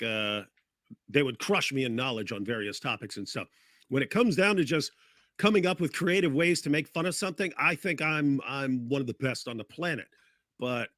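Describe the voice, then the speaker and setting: A man's voice: a little high, sharp tone, no echo. Rambling man telling a story, dry sound. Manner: rambling, with many restarts and fillers. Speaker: guest on a livestream. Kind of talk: casual chat and storytelling.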